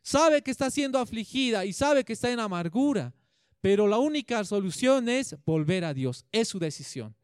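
A man's voice: sits high, sing-song, normal speed, a little mellow, clear, resonant tone, no room sound, studio quality. A man preaching a sermon, retelling scripture and putting questions to his congregation.

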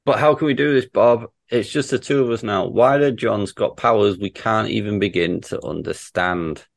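A man's voice: fairly low pitch, moderate pace, vocal fry. A man voicing an earnest, anxious but resolute space hero with melodramatic delivery in an amateur script reading.

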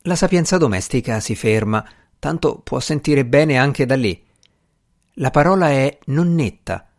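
A man narrating a novel chapter by chapter in a wry, measured storytelling manner. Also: mid-range voice, animated, vocal fry. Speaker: audiobook narrator. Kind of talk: scripted narration.

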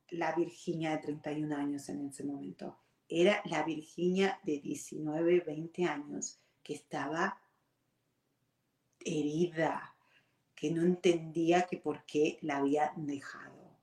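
A middle-aged woman with an Argentine accent telling a personal story to her audience in a candid, confiding way, slipping in English words. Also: deep voice. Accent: Argentine Spanish. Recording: echoey room.

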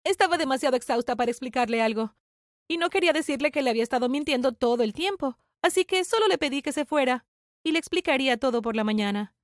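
Brief: young female narrator, first-person confessional drama, high and bright. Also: lively intonation, fast, no echo, studio quality.

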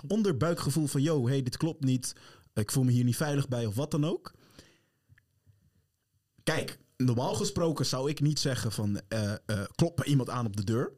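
A man's voice: mid-range voice, animated, moderate pace, darkish tone. A man co-hosting a casual podcast, talking emphatically and often switching into English phrases. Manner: mixes English into his talk, emphatic and heated. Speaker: podcast co-host.

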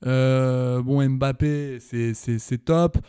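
A man's voice: medium pitch, steady tone, extremely slow, dark tone, smooth, no room sound, clean studio sound. A young man co-hosting a casual football podcast, laughing often and trailing off mid-sentence. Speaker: podcast co-host.

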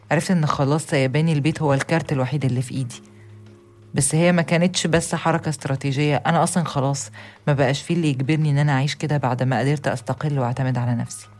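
Very fast-talking young Egyptian woman. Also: sits low, a little mellow. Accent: Egyptian Arabic. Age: young adult. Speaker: narrator. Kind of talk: scripted first-person narration.

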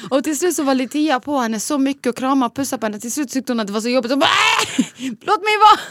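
A woman hosting a podcast in casual chat, telling stories with lively put-on voices for the people she quotes. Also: sits high. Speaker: podcast host.

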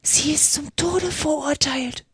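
Woman doing a squeaky scared storybook rabbit, whispery and jumpy, dry sound. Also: huge pitch swings, slow, no room sound, full character voice. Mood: anxious. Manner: hushed, nervous whisper. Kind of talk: reading a storybook aloud.

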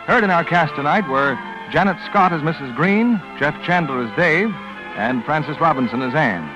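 This man announces in the formal manner of an old radio broadcast, his pitch a touch high and very lively as it rises and falls. The sound is dull and lo-fi, with music playing clearly behind him. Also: normal speed.

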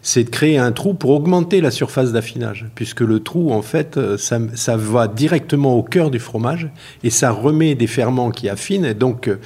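A man being interviewed about his work as a cheesemaker, explaining slowly and carefully with many hesitations. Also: mid-range voice, lively intonation, darkish tone, husky. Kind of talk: casual spoken interview.

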